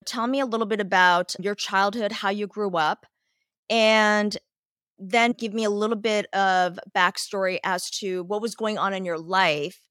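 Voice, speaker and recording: A woman's voice: mid-range voice, steady tone, measured pace, a bit bright, no echo, studio quality. A woman hosting a podcast, speaking in the manner of an introduction and interview. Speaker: podcast host.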